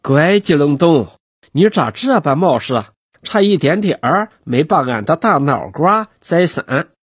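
A man's voice: on the high side, sing-song, measured pace, breathy edge, dry recording, full character voice. A man voicing a cheerful older country carter who talks in a homely, folksy way. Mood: startled. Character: cheerful older rural male cart driver.

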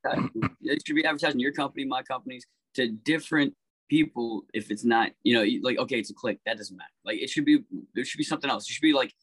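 A man talking casually as a podcast guest, animated, swearing freely and pitching story ideas. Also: quick pace, breathy edge, no echo, rough recording.

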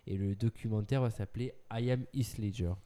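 Dark-voiced man teasing his co-host. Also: lowish voice, steady tone, brisk. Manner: playful, teasing, laughs often. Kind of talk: casual film news chat.

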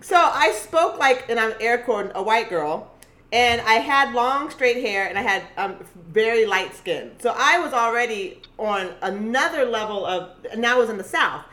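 A woman from Costa Rica talking in an animated, emphatic way, with frequent restarts, in a casual conversation. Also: a little high, normal speed.

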